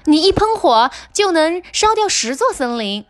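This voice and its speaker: A woman's voice: very high-pitched, sing-song, moderate pace, soft background music, pitched above the performer's own voice. A woman voicing a clever, plucky young princess in a storybook reading, with eager exclamations. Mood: flattering.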